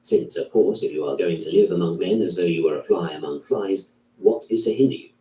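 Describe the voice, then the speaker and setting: Male reader, dark mellow tone, measured delivery, distant echoey recording. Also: low-pitched, a little hiss or hum. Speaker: narrator. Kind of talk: reading a classic philosophy text aloud. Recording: roomy, distant from the mic.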